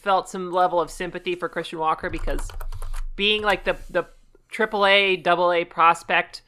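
A person co-hosting a casual baseball podcast, chatty and knowledgeable, laughing easily. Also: female voice, on the low side, fairly even intonation, normal speed, sharp tone, clear, resonant tone. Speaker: podcast co-host. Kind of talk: casual sports chat.

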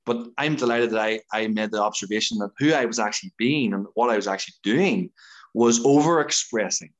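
A man's voice: lowish voice, brisk, rough recording. A man with an Irish accent talking casually as an interview guest, stressing and repeating words as he builds his point. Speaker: podcast guest, competitive dancer.

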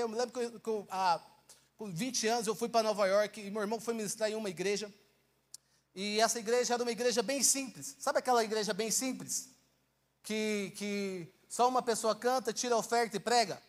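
A young man with a Brazilian Portuguese accent preaching a sermon and telling his own testimony, often asking the congregation questions and acting out what he once said. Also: very high voice. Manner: storytelling, acts out his own past words.

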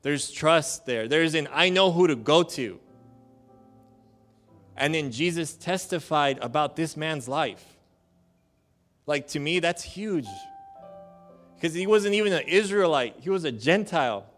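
A male pastor preaching a sermon in a lively, joking, conversational way. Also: a little high, measured pace, soft background music.

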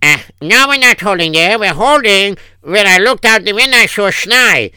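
A man's voice: sits high, lively intonation, moderate pace, bright, forceful tone, smooth, dry recording, full character voice. A man playing a fretful Yiddish-accented husband. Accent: Yiddish-inflected English. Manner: kvetching, sighing oy vey. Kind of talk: improvised comic radio story.

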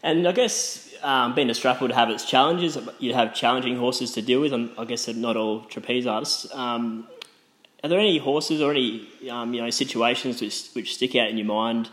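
An Australian man works as an interviewer, putting questions in a casual style. His voice is mid-pitched, and his phrasing is friendly and a little hesitant. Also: normal speed, a bit bright, low-quality recording.

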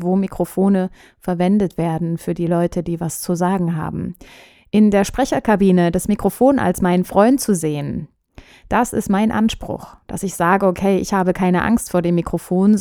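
A woman voice coach hosting a podcast, giving calm, direct advice to the listener. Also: medium pitch, dry recording, studio quality.

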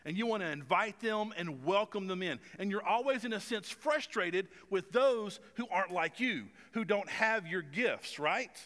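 This forties-aged pastor's high voice comes across a bit bright, moving at a moderate pace with hardly any pauses as a long reverb tail follows it around the church stage. His sermon is chatty and self-deprecating, dotted with fillers and a few stumbles.

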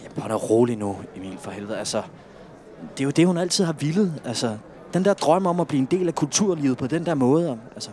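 A man's voice: a little high, expressive, dark tone, natural voice. An actor playing a concerned, earnest male friend who hesitates and stumbles over false starts. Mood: worried. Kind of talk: film drama acting.

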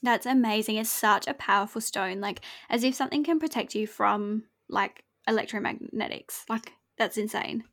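A woman's voice: a little high, normal speed, hardly any pauses, fairly bright tone. A woman co-hosting a podcast in casual chat, who mostly agrees with short, supportive interjections. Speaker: podcast co-host.

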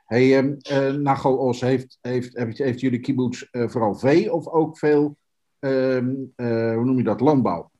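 A man's voice: medium pitch, fairly even intonation, measured pace, mellow. A man interviewing in a casual conversational style, often searching for words and rephrasing his questions.

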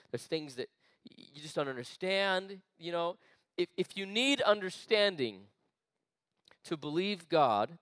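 A man preaching an energetic sermon to a youth group, chatty and full of asides. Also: a little high, no echo. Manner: animated, conversational preaching with quick asides. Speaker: youth pastor. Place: church meeting room.

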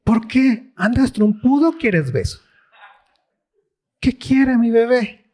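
A man's voice: extremely high pitch, animated, takes it slowly, a little mellow, pitched above the performer's own voice, full character voice. Guy doing a doting queen, baby-talk cooing. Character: doting scheming queen, fussing over her husband.

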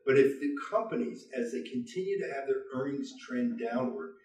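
A man's voice: medium pitch, animated, normal speed, a little mellow. A man co-hosting with casual market commentary in a colloquial, punchy way. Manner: colloquial, punchy, addresses listeners as folks and man. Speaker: podcast co-host. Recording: echoey room, distant from mic.

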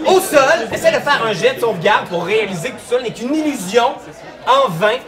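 A young man with a Quebec French accent, narrating a live tabletop game as game master in a lively, laughing way. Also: very high voice, fairly quick, crowd noise. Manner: lively, animated storytelling, laughing often. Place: large hall before a live audience. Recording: distant mic, roomy hall, audience laughter.

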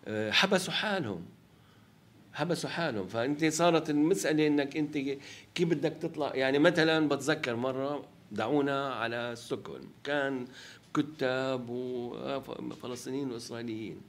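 A man with a Palestinian Levantine Arabic accent giving a reflective interview, halting as he searches for words and checking that the listener follows. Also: medium pitch, steady tone. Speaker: interviewed film director.

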